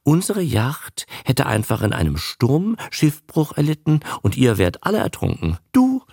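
A man's voice: medium pitch, huge pitch swings, a little slow, a little mellow, no echo, clean studio sound, voice pushed up, heavily acted. A man voicing a vain, naive young female film starlet in an audiobook reading, gushing and dreamy. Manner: breathy, dreamy, gushing chatter. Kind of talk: audiobook character voice.

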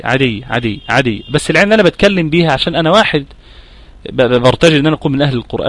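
A middle-aged Egyptian man teaching Quran recitation at a middle pitch. He explains each point patiently, demonstrates the sounds himself and keeps asking whether his students follow. The recording is dry, with no room sound. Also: dry recording. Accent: Egyptian Arabic. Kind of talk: tajweed lesson.

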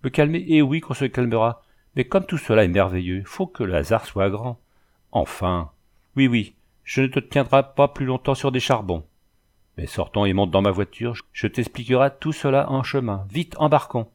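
A man voicing an excited, overjoyed rustic carter who talks in a breathless rush. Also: mid-range voice, close to an everyday voice. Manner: breathless, rushing speech.

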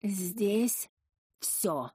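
A woman voicing a malevolent serpent-like demon that possesses a woman, speaking in a slow, drawn-out, hissing, menacing way. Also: mid-range voice, lively intonation, dark tone, slightly rough, no room sound, clean studio sound, exaggerated voice.

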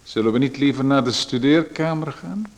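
In a radio play, a man voices Macon, a pushy, nosy, overbearing stranger who makes himself at home and keeps asking for one thing after another. He speaks in a mid-range voice at a moderate pace, close to how he'd talk every day.

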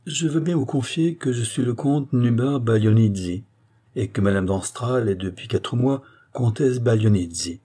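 A man voicing a suave young count, an elegant swindler who speaks softly, musically and nonchalantly. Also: medium pitch, moderate pace, slightly rough, pitched above the performer's own voice, lightly acted. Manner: soft, musical, lilting and nonchalant.

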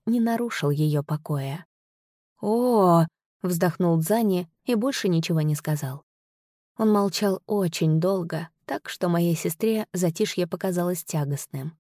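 A woman reads a story aloud at an even, unhurried pace. Her voice sits low for a woman, and the recording is dry and close with no room sound. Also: dry recording. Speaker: audiobook narrator. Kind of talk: scripted narration.

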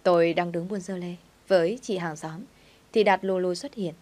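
A woman narrating a dramatic story in the first person with an even, steady reading. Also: on the low side, moderate pace.

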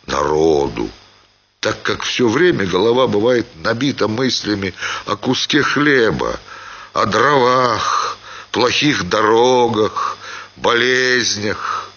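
Slow expressive guy reading a classic story, bright tone, bit dull radio sound. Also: lowish voice, a little hiss or hum. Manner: measured, expressive. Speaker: narrator. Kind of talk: theatrical literary reading.

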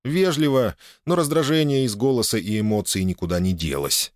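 A man's voice: mid-range voice, expressive, fairly quick, dry recording, clean studio sound. A man narrating an audiobook in the first person, with wry, sarcastic asides.

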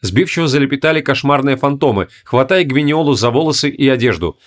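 A man reading a fantasy audiobook in measured, deliberate narration. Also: mid-range voice, expressive. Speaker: audiobook reader. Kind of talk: scripted narration.

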